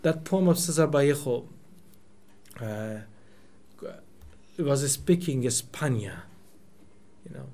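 With lively intonation, a warm tone, and a slow pace broken by long pauses, a Persian-speaking man from Iran in his forties gives a reflective lecture in a mid-range voice. He is in a small meeting room using a table microphone, thinking as he goes and often restarting phrases with plenty of fillers.

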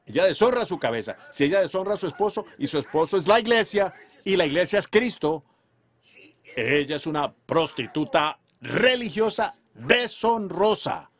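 A man's voice: sits high, very animated, normal speed. Fervent male preacher, emphatic. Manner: emphatic, swings from loud declarations to quiet storytelling. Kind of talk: fervent sermon delivery.

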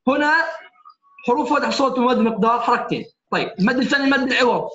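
A man's voice: very high-pitched, fairly bright tone. A man teaching a recitation class, patiently explaining and often checking that his students follow. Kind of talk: classroom lecture. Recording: echoey room, muffled lo-fi sound.

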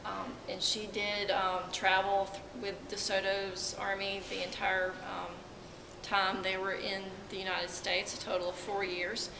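A woman curator answers questions in a hesitant but informative manner, stopping often on filler sounds. She is recorded in a large museum hall with a long reverb, and steady background noise can be heard clearly. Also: medium pitch, unhurried. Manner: hesitant, many ums, informative. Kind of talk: interview answers.

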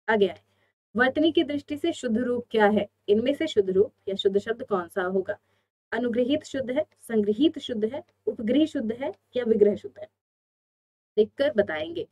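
A woman's voice: a little high, a little mellow, highs cut off. A woman teaching an online exam-prep Hindi lesson, explaining step by step and answering her own questions.

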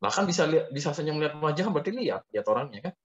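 A man's voice: fairly high pitch, very animated, racing, lo-fi sound. A man acting as a spiritual teacher in a casual question-and-answer chat, teasing with dry humor. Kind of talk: casual Q&A with a follower.

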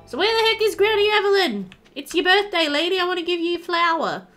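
With a very high, fairly bright voice, a young adult woman talks fast and expressively as she hosts a casual let's play. She keeps up chatty commentary and reads the game's dialogue aloud in a playful way while game music plays.

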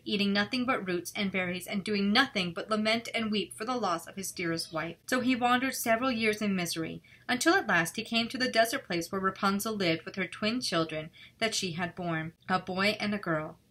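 Bright-voiced woman reading a fairy tale. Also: mid-range voice. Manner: relaxed, chatty, self-critical. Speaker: illustrator and channel host. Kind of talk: storybook reading and casual art commentary.

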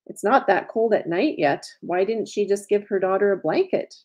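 A woman reading the lines of a gentle, earnest nurse at a rural clinic. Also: mid-range voice, expressive, normal speed, lo-fi sound, close to an everyday voice.

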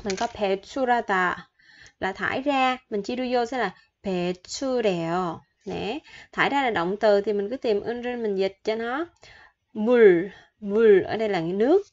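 A Vietnamese-speaking woman explains Korean vocabulary and grammar to learners, patiently repeating each word and asking her viewers questions. Her medium-pitched, darkish voice is brisk, on a dull lo-fi recording.

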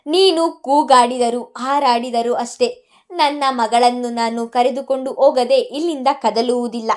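A woman's voice: high-pitched, normal speed, natural voice. A woman storyteller voicing a domineering mother who mocks the others and demands her daughter back. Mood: defiant. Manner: mocking, haughty.

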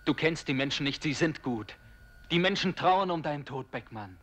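A man's voice: fairly high pitch, animated, moderate pace, fairly bright tone, voice pushed up. A man voicing the Other, an insistent male yes-sayer who urges a despairing soldier to live, in a dramatic reading of a stage play. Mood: urgent, coaxing. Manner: urgent, coaxing, insistent.

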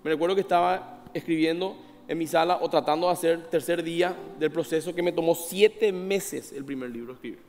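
A man's voice: fairly high pitch, brisk, hardly any pauses, darkish tone, long reverb tail. A man, a pastor preaching a sermon in a conversational way, asking the congregation questions and acting out little scenes of dialogue. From Paraguay. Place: church hall.

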